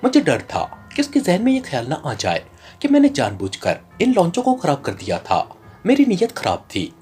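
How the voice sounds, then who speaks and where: With a full character voice, a narrator takes on a ruthless criminal boss turned informant in an audiobook, explaining at length and earnestly. His mid-range voice is dark and slightly rough with huge pitch swings, at a normal pace, over soft background music.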